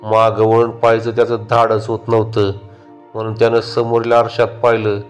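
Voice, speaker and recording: A man reads a horror story in a steady, measured manner. His voice is low and keeps a narrow, flat range, with faint music playing underneath. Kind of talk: scripted horror narration.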